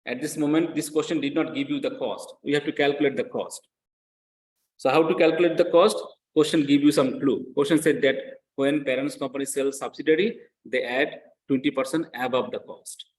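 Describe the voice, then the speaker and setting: A male accounting lecturer, not a native English speaker, works through material step by step, repeating phrases and frequently checking comprehension. His mid-range voice is fairly even and fairly quick. The echoey recording carries a slight hiss or hum.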